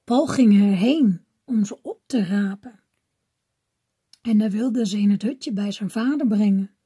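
A woman reading a children's fairy tale aloud gently, often dropping to a whisper. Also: medium pitch, measured pace, slightly rough. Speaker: storybook reader.

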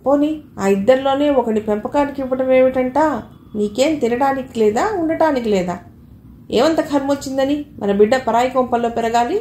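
A woman's voice: high voice, a little fast, mellow, slight background noise, close to an everyday voice. Woman reading as a grumbling old mother-in-law. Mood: scolding. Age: older. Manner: grumbling, scolding. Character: nagging elderly mother-in-law. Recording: echoey room, faint ambience.

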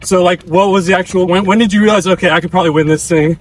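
A man's voice: sits high, steady tone, very fast. A young man hosting an informal interview, talking while he jogs outdoors. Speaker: interviewer, host. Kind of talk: casual interview while running. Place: outdoors on a dirt country road, on the move.

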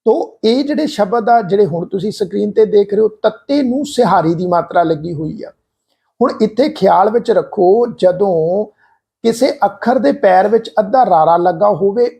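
A man teaching correct pronunciation of scripture, speaking slowly and deliberately, repeating and drawing out syllables to demonstrate them, and politely addressing the congregation. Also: sits high, gravelly, mellow. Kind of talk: patient instructional explanation.

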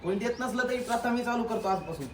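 A man's voice: extremely high pitch, fast talker. A young man acting in an improvised comedy skit as a rustic would-be groom, bantering stubbornly and teasing his girlfriend. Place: outdoors near a building. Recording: echoey distant mic with background noise.

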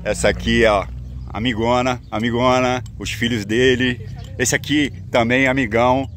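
A man's voice: mid-range voice, fairly even intonation, moderate pace, a bit bright. Brazilian man vlogging by the railway. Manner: chatty, upbeat, repeats phrases, addresses viewers directly. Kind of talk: casual travel vlog to camera. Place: outdoors by a rail yard in open sun. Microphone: phone held at arm's length. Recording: noisy outdoor phone recording. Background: outdoor ambience and vehicles.

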